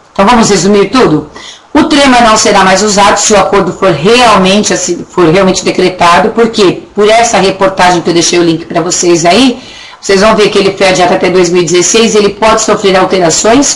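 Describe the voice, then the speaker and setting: A woman teaching a recorded Portuguese grammar lesson with a Brazilian accent, chatty, checking in often with her students and slowly stretching words to show how they are pronounced. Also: mid-range voice, low-quality recording. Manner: drags words out slowly to demonstrate pronunciation. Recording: faint background noise and clicks.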